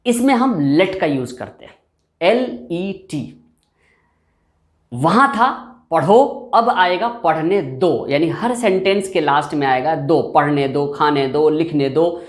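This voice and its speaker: Male English tutor, patient and repetitive, explaining grammar at a board, recorded with room echo. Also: a little high. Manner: patient, repeats and drills example phrases. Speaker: English teacher. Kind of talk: explanatory classroom lesson. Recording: echoey room.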